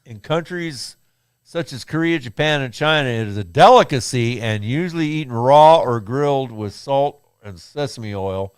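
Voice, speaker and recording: A man in his sixties reads news stories aloud on a casual podcast, his voice swinging up and down in pitch as he laughs and swears through them. The sound is dry and close, with almost no room around it. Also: lively intonation, moderate pace, clear, resonant tone, no room sound. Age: 60s. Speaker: co-host reading news stories. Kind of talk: casual crude podcast chat.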